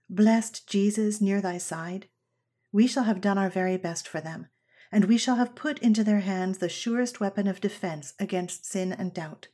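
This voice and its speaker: A woman reading an old essay aloud as scripted narration, in a measured, earnest way. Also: medium pitch, dark tone. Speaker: reader of an old parenting essay.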